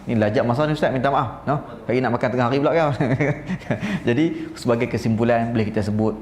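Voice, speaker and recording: A man with a northern Peninsular Malaysian Malay accent giving a religious lecture, telling stories in an animated way. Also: medium pitch, fast. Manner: animated storytelling, mimics recitation styles. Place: seminar room. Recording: roomy seminar room, faint ambience.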